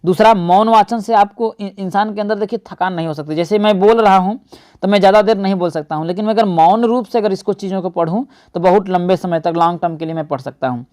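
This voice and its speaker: A man's voice: sits high, fast talker, a little mellow, clean tone. A man teaching an exam-prep lesson, often asking and answering his own questions and calling his viewers friends.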